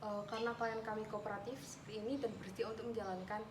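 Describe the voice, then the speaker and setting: A woman plays a composed female defence lawyer in a parody news interview. She answers quickly, her voice echoing in the room with noise behind it. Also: mid-range voice, level tone, close to an everyday voice. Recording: echoey and noisy.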